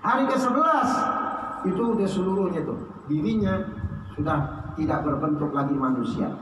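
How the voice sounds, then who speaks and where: A man telling a sermon story, swinging between loud high exclamations and low hushed lines. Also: expressive, moderate pace, a little hiss or hum. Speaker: preacher. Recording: echoey hall, heard from a distance.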